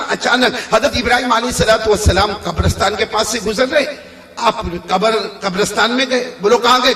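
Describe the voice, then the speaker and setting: A man's voice: extremely high pitch, pushed and bright, reverberant. A man preaching a storytelling sermon to a gathering, calling on the crowd to repeat his words back. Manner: prompts the crowd to repeat after him.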